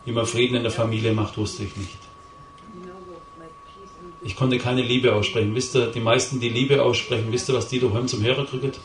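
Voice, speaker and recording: A man's voice: medium pitch, flat delivery, fairly quick. Intense man preaching in a hall. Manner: intense, confessional storytelling with emphatic repetition. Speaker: lay preacher giving his testimony. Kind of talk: emotional testimony speech to a live audience. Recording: roomy hall, voice from a distance.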